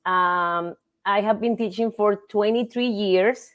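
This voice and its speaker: Speaking in a mid-range voice, this middle-aged woman from Costa Rica describes her teaching during a casual interview. She's a native Spanish speaker with a Costa Rican accent who comes across warmly, stopping often to find words and filling gaps with frequent fillers.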